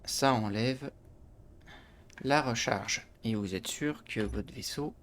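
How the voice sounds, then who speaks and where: A man's voice: mid-range voice, slow, fairly bright tone, slight background noise. A man hosting a gaming channel, explaining a space game step by step with frequent restarts and little interjections. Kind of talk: game tutorial commentary.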